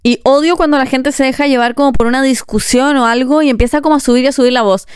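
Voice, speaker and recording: Expressive Chilean woman ranting casually. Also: sits high, smooth, dry recording, clean studio sound. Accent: Chilean Spanish. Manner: expressive, swears often, quick bursts and pauses. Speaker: vlogger. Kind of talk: casual vlog rant.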